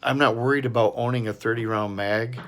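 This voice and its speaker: A man's voice: mid-range voice, steady tone, brisk, fairly bright tone. A man hosting his own commentary channel, talking casually and earnestly in a rambling opinion monologue full of fillers and restarts.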